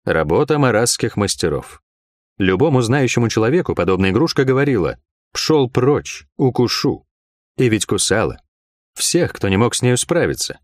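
A man narrating a first-person fantasy audiobook in a wry, expressive way. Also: fairly low pitch, a little fast, dry recording, studio quality.

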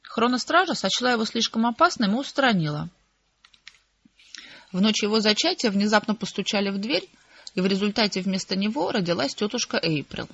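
An audiobook narrator reading a story in a wry, even storytelling manner. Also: medium pitch, a little fast, creaky, slightly rough, muffled recording.

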